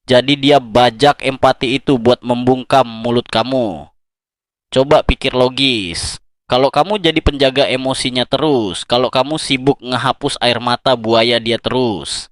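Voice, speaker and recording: A man's voice: mid-range voice, dry recording. A man giving scripted relationship advice, speaking directly and intimately to the listener.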